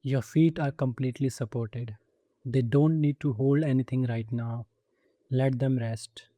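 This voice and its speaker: With soothing gentleness and a measured pace, a man talks listeners through a relaxing body scan meditation. His medium-pitched voice is dark, very warm, and relaxed, and he pauses between short directions. The intimate recording is dry, with no room sound.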